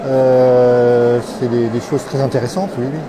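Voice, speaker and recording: A man, co-president of an association, answering interview questions in a halting, self-correcting way. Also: medium pitch, flat delivery, rough recording. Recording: crowd chatter behind.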